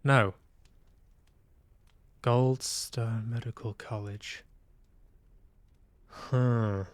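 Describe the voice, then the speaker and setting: A Manchester man hosts a livestream, chatting casually while playing games and musing hesitantly to himself. His medium-pitched voice is extremely slow with fairly even intonation, and there's no echo.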